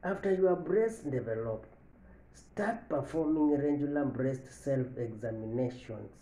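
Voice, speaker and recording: Man in his thirties, very slow, very dark mellow voice, health lesson, repeats points, echoey office. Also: mid-range voice, lively intonation. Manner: repeats each point slowly, stressing key lines. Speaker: medical educator. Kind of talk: health education talk to camera. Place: office with large window, indoors. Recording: echoey room.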